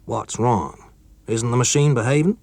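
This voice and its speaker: A man reading a story, voicing a gruff, weary male engineer in a slightly raised voice. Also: medium pitch, normal speed, darkish tone, no echo, voice pushed up.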